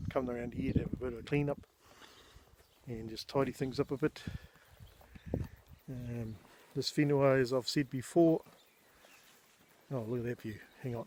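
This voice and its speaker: A middle-aged man with a Māori New Zealand English accent, talking casually and unhurriedly with hesitations as he films a walk-around vlog outdoors. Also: mid-range voice. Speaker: vlogger showing family land. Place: outdoors on rural land. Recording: noisy outdoor amateur recording. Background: clear outdoor noise, birds.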